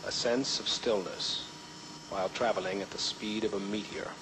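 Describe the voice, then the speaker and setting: Male narrator, fairly low voice, measured scripted documentary read with clear background noise. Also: fairly even intonation.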